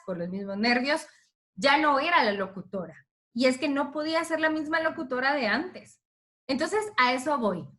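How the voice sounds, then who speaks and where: A Guatemalan woman in her thirties addresses a group of teachers with the lively, expressive style of a radio announcer. Her slightly high voice rings bright as she tells her story with animated, shifting emphasis.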